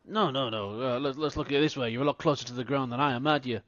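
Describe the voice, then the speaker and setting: A man voicing a loud drunken male brawler in a tabletop game, booming out insulting taunts. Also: rapid-fire, no echo, lightly acted. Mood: bullying. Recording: dull lo-fi mic.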